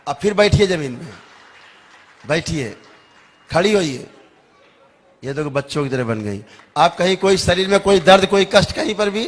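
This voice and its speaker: Soft-spoken man leading a healing session. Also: sits high, lively intonation, moderate pace, long pauses. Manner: soothing, chanting, wryly joking. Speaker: spiritual healer. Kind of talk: public healing session talk.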